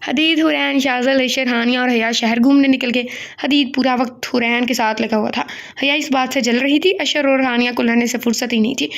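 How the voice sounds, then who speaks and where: A woman's voice: high voice, steady tone, a little fast, gravelly, hardly any pauses. A woman reading a romance novel aloud, adding chatty asides to her listeners. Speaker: novel reader.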